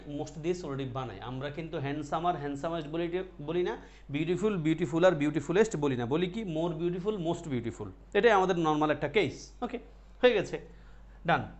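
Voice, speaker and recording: A man with a fairly high voice teaches an online grammar class. He explains each point slowly, repeats the key words and puts questions to his students. The audio is muffled and dull. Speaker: English teacher.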